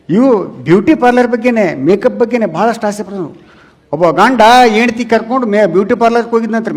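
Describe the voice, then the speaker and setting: Speaking in a very high, light voice with a North Karnataka Kannada accent, a man does stand-up comedy before a live audience. He spins chatty stories and keeps addressing the crowd directly, repeatedly calling them "relatives."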